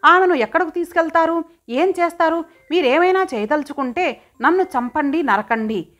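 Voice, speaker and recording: A woman voicing a defiant, enraged young husband in an audio story, who shouts his defiance at his captors. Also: sits high, expressive, moderate pace, lo-fi sound.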